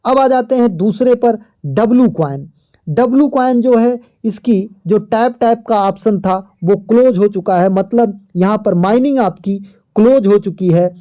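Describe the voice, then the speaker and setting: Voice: medium pitch, dark tone. A host giving a screen-recorded walkthrough of an app, explaining each step steadily and pointing things out on screen. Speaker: crypto app tutorial host.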